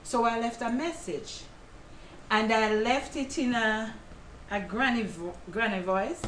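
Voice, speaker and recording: A woman's voice: on the high side, measured pace, echoey room, a little hiss or hum. A woman guest, an actress and playwright, telling a story in a casual chat, laughing often. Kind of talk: casual talk show chat.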